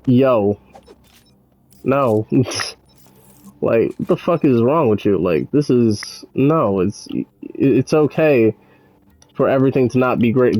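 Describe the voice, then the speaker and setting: A man's voice: mid-range voice, warm tone, no echo. A man giving casual, rambling commentary while gaming, sardonic and full of swearing. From United States. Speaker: gaming channel host.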